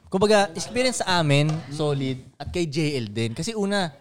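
A man with a Filipino accent co-hosting a casual podcast chat, talking in animated bursts of banter. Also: fairly high pitch, normal speed. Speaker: podcast co-host.

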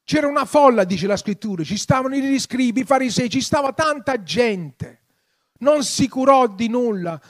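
Very high-voiced male preacher. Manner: impassioned preaching, swelling to loud emphatic appeals. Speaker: pastor. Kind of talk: sermon.

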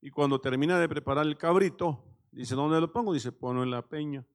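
A pastor preaching a conversational sermon, often checking in with the congregation and pausing on fillers. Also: male voice, mid-range voice. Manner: conversational, many "¿verdad?" tags and hesitations.

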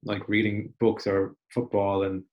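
A young man with a lowish voice, chatting in a relaxed interview. He thinks aloud, full of small restarts and fillers as he works through his points. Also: a little slow, dull audio. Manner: reflective, loose, many restarts and "like". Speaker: podcast guest. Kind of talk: casual conversational interview.

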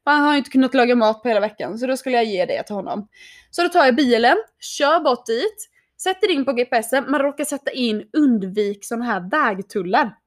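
A young woman chatting casually, telling an animated story, laughing often and acting out what people said. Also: on the high side.

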